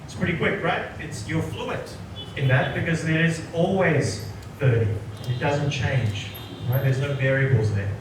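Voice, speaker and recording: Heard through a distant mic in an echoey room with noticeable background noise, a Sri Lankan man in his forties delivers a psychology workshop. His slightly high voice keeps a measured pace, and he often asks the audience "right?".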